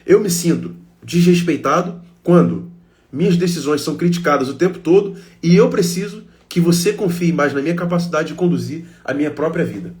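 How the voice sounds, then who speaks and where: A Brazilian man with a fairly high voice gives a heartfelt self-help talk. He speaks straight to his listeners and drives points home with short, repeated phrases. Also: animated, brisk, a little mellow. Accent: Brazilian Portuguese.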